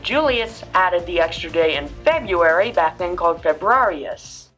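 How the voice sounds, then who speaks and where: A woman's voice: fairly low pitch, expressive, unhurried, fairly bright tone, faint music behind. A woman hosting a scripted school-news explainer segment, talking in a playful way with jokey asides. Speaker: student news segment host.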